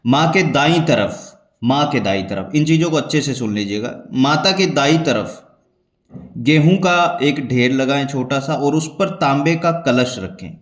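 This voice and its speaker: A man calmly explaining the steps of a devotional ritual as a spiritual teacher, measured and repeating key points for emphasis. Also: mid-range voice. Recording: echoey room.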